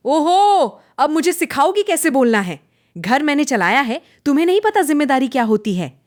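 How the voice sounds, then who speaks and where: A woman putting on a nagging older mother-in-law from a cartoon, her voice pitched high and loud, sharp with taunts. The recording is dry and close. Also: expressive, normal speed, no echo, close to an everyday voice. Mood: scolding. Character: stern scolding older Indian mother-in-law.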